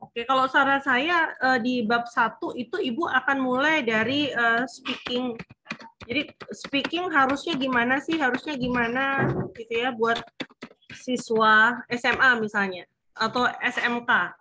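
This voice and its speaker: A woman's voice: high-pitched, unhurried, background noise. A woman supervisor advising a student on her thesis plan, explaining patiently with frequent fillers. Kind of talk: online thesis consultation.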